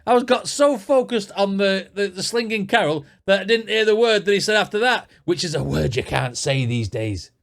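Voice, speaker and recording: A man's voice: sits high, expressive, normal speed, vocal fry, hardly any pauses. A man hosting a reaction video, laughing and swearing bluntly as he comments.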